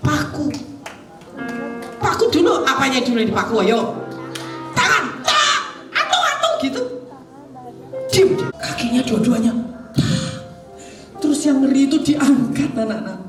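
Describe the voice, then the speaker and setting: A woman telling a Bible story to children at a Sunday school, lively and full of questions. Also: sits high. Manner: lively, asks the children questions, acts out voices. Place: large echoing church hall. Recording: echoey hall from far off with music.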